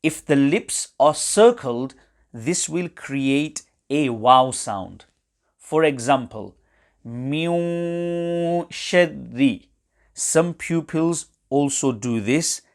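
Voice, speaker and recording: Slow, careful male recitation teacher. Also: mid-range voice. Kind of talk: webinar lesson on recitation rules.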